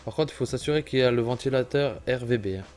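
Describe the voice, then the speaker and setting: Faint background music accompanies a mid-range, slightly mellow male voice that moves quickly with a steady tone. Suffering from a cold and clearing his throat, this gaming YouTuber chats through a computer-building game, fixing his own slips and often apologizing.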